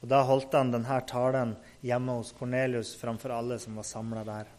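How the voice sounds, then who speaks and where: A man's voice: medium pitch, little pitch movement, a little mellow, a little hiss or hum. A man casually retelling a Bible story, unscripted, with hesitations and fillers.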